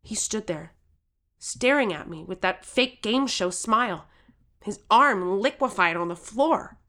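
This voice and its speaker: In an audio drama, a woman plays an earnest, determined thirteen-year-old girl telling her own story with urgency. Her medium-pitched voice is pushed and bright with lively intonation but an unhurried pace, giving the first-person narration a tense mood.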